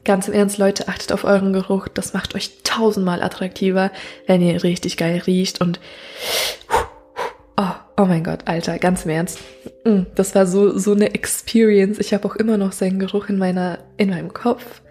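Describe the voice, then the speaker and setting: A woman hosting a casual solo podcast, gushing and slangy, dropping English phrases and slipping into breathy whispers. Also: mid-range voice, flat delivery, normal speed, mellow, soft background music. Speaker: podcast host.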